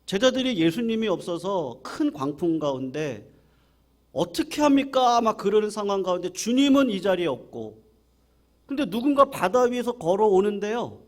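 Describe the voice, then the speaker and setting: A male pastor delivers a Sunday morning sermon at a church service. His voice sits somewhat high and moves through a wide, lively melodic range. He tells the story with animation and keeps turning to the congregation with questions. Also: normal speed. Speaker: senior pastor.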